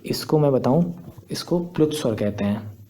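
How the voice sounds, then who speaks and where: A young man's warm, mid-range voice moves at a moderate pace with lively intonation as he teaches a screen tutorial. He explains things patiently, step by step, and restates his points.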